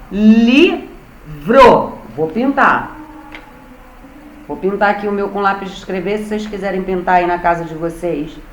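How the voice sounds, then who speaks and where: Slow, patient Brazilian woman teacher. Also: fairly high pitch, fairly bright tone, reverberant, rough recording. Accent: Brazilian Portuguese. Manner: slow, patient, spells out syllables. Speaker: primary school teacher. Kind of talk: online class for young children.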